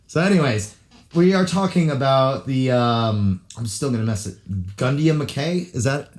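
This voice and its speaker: A man's voice: mid-range voice, moderate pace. A young man from California co-hosts a podcast in a loose, easygoing chat. He jokes around and fills his talk with "like" and "you know". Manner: loose, jokey, full of fillers. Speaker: podcast co-host. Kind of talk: casual chat.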